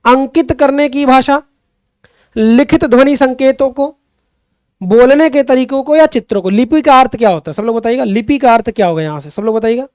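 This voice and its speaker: A man's voice: very high voice, brisk, darkish tone, clear, resonant tone, dry recording, studio quality. A young man teaching a Hindi exam-prep class online. He keeps repeating the questions, calls his students friends and children, and pushes them to answer, sometimes drifting into fervent remarks on society. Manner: digresses into impassioned social commentary.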